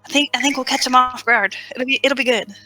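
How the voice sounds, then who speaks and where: A woman's voice: sits high, fast, pushed and bright, dry recording, soft background music, poor audio. A woman playing a tabletop game, describing her character's moves and correcting herself as she goes. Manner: restarts and self-corrections while describing actions. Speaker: player. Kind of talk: casual tabletop game play.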